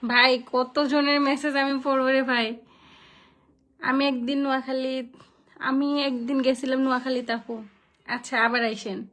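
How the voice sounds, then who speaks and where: A young woman from Noakhali speaks with a high voice and her local accent. She chats with viewers on a live stream, thanking them by name as she reads their comments. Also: little pitch movement, moderate pace, long pauses, fairly bright tone. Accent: Noakhali Bengali. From Noakhali, Bangladesh. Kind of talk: casual live stream chat reading comments.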